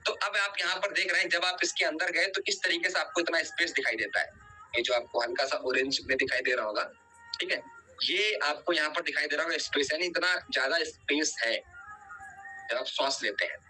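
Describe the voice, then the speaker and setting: Bright-voiced man teaching biology online. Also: on the high side, fairly quick, rough recording. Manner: explains step by step, often checks with "ठीक है"; quizzes students and urges revision.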